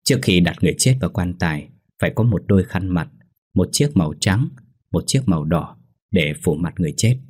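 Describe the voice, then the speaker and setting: A man's voice: low voice, lively intonation, brisk, a little mellow, husky. Man doing a stern old ritual master. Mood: instructive. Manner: instructive, commanding.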